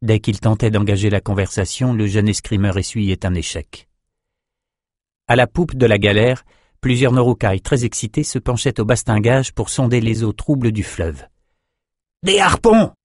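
A man narrating an audiobook in a measured, steady reading style. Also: fairly low pitch, no echo, studio quality. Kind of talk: scripted narration.

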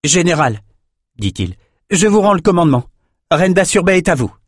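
Un homme qui joue un jeune soldat au garde-à-vous. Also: male voice, a little high, big pitch swings, moderate pace, dry recording, clean studio sound, pitched above the performer's own voice. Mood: dutiful. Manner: loud, crisp, formal. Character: young eager soldier reporting to his general.

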